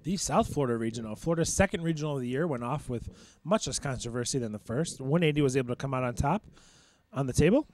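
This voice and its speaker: A young man co-hosting a podcast, reading results with fillers and quick reactions. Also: medium pitch, expressive, a little mellow. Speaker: co-host. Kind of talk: podcast rankings recap.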